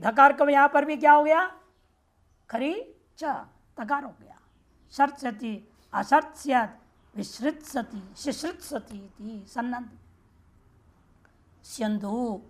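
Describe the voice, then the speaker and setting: A woman teaching a grammar class, explaining rules step by step and often asking her students rhetorical check questions. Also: high-pitched. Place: ashram teaching room.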